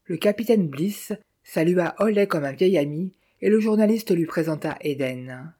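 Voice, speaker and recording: A narrator reading a detective novel aloud in an even, measured way. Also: medium pitch. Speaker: audiobook narrator.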